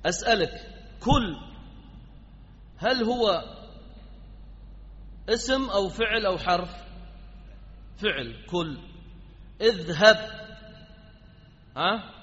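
A man's voice: sits high, animated, slow pace, pauses often, a bit bright. A man teaching an Arabic grammar class, quizzing his students and prompting them with repeated questions. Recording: dull lo-fi sound in a reverberant hall.

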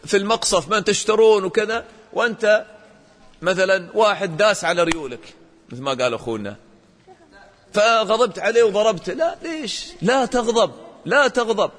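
Man, religious teacher, fairly high voice, questions the kids, long hall reverb. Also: fairly quick. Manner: animated, questions the class and acts out examples. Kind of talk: religious lesson for children.

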